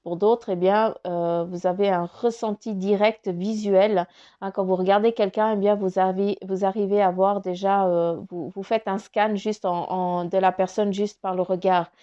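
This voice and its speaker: A woman's voice: mid-range voice, steady tone, moderate pace, warm tone, dull audio. A woman giving a casual spoken card reading, rambling with many fillers and restarts, her nose stuffy from crying. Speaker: spiritual card reader.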